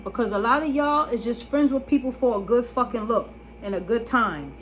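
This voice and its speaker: A woman's voice: fairly high pitch, a little fast, a bit bright, poor audio. A woman vlogging a casual monologue to camera, blunt and emphatic, often asking if you understand. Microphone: phone camera.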